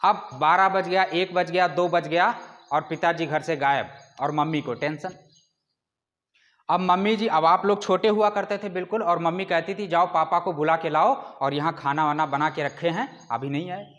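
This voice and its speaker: A man's voice: a little high, moderate pace, fairly bright tone. A man teaching a class, explaining with rhetorical questions and stretching out sounds to demonstrate them. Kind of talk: classroom lecture.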